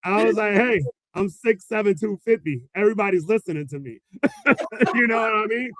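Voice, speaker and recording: A man with a high voice, a special education teacher, answers interview questions briskly in an animated storytelling style, laughing and acting out quotes. It's a dry, rough recording.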